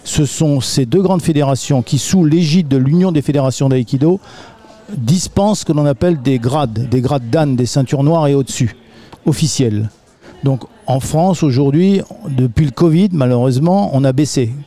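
A man's voice: mid-range voice, moderate pace, warm tone, soft background music. A man, an aikido teacher, patiently explaining his martial art in a radio interview recorded in a community hall.

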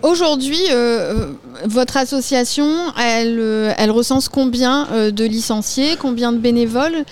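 A woman's voice: fairly high pitch, a little slow, slight background noise. A woman hosting a local radio show, chatting with guests at an association fair in a community hall. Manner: chatty, friendly, lots of fillers. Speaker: radio host. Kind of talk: live radio interview.

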